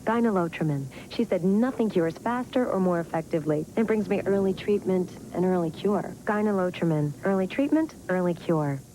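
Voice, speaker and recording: A woman gives an earnest, confiding testimonial in a commercial taped off old VHS. Her voice sits low and mellow. A faint hiss of noise runs beneath her words. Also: normal speed, hardly any pauses, poor audio. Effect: old VHS tape recording. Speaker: commercial spokeswoman. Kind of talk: scripted testimonial ad read.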